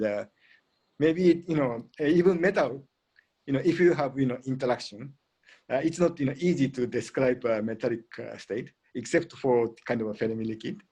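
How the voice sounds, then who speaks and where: A man lecturing on physics, his pitch sitting squarely in the middle of the male range. He speaks haltingly, stopping often on filler words between phrases as he answers questions. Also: a little mellow, breathy edge. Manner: halting, heavy "you know" and "uh" fillers.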